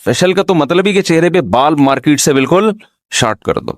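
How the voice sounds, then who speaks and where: A man delivers an informal religious talk in a slightly higher-than-usual voice. He is humorous and keeps putting rhetorical questions to his audience. The sound is dry and close, with almost no room echo. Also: expressive. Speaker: Islamic scholar giving a talk.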